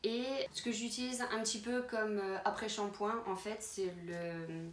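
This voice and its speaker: A woman's voice: mid-range voice, fairly even intonation, a little slow. A woman vlogger chatting casually through her travel toiletries, with many fillers and restarts. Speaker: beauty vlogger. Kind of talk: casual product walkthrough. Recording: roomy with faint background noise.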